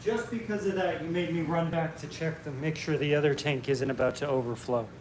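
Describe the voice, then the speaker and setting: A man hosting a casual live stream Q&A from his home, relaxed and chatty with frequent ums. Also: on the high side, fairly quick, a little hiss or hum.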